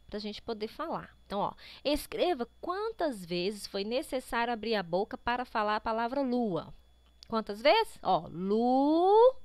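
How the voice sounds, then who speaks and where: A Brazilian woman teaching young children, her voice sitting fairly high and moving up and down a lot. She talks patiently and stretches words slowly to sound out syllables, often pausing to check that the kids are following. The sound is dry and close, with no room echo. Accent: Brazilian Portuguese. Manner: constant tag checks to pupils. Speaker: primary school teacher. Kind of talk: remote class walkthrough of a workbook.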